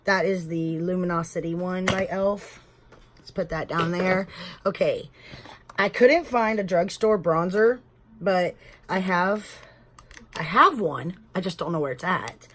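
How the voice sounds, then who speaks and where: Texan lady doing her makeup at home, kinda low voice, chatty and rambly, says y'all. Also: a little slow, a bit bright, slight background noise. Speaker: beauty vlogger. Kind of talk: casual makeup tutorial chat.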